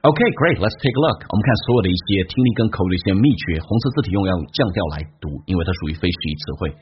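A man teaching an English listening and pronunciation lesson, explaining briskly and repeating phrases slowly to demonstrate them. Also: sits low, lively intonation, dull audio, slight background noise.

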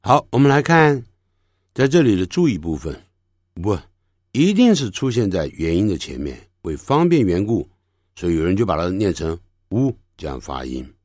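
A man leads a pronunciation lesson, lingering on each sound and repeating it in slow drills. His pitch sits low but swings widely as he demonstrates. The recording is dry and close, with no room sound. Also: sing-song, a little mellow, no room sound. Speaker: language teacher.

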